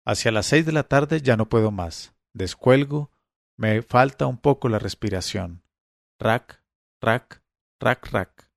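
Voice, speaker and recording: Man, story reader, measured suspense, mid pitch, dry close sound. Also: animated, creaky, dry recording. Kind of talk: literary reading of a first-person story.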